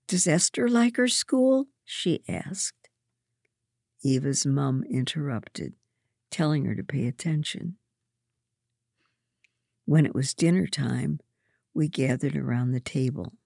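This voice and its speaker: A woman reading a first-person story aloud in a gentle, measured way. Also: rumbling low, creaky, no room sound, clean studio sound. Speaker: narrator.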